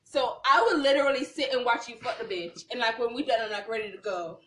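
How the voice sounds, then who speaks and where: Woman guest on a podcast, kinda high voice, blunt teasing, cusses a lot, real casual. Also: quick pace, fairly bright tone, poor audio. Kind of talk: casual banter.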